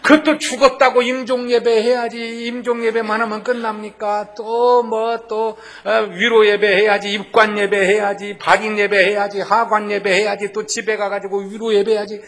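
A middle-aged man preaching a revival sermon in a strong Jeolla accent, folksy and joking, rising to loud exclamations. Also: high voice, monotone, moderate pace, few pauses. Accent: Jeolla Korean. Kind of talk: sermon with jokes.

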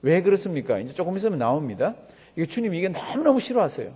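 Male pastor, fairly high, warm voice, mid-sermon, asks his congregation questions, recorded with long church reverb. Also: very animated, fast talker, husky. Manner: explains with questions to the congregation, leads scripture reading.

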